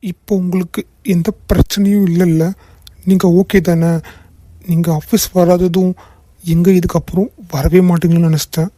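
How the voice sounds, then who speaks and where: A voice actor plays a young male boss in a cartoon drama, soft-spoken and weighed down by guilt. His voice is very dark and mellow and stays low and flat in pitch. The sound is dry and close to the mic. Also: normal speed, no echo, close to an everyday voice. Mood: relieved. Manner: soft-spoken, tearful, repeated apologies. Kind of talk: cartoon voice acting.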